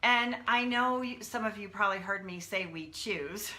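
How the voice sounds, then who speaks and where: A woman's voice: on the high side, normal speed, pushed and bright. A woman hosting a live-stream talk as head of a coaching company, upbeat and explanatory. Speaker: CEO and host of a coaching company.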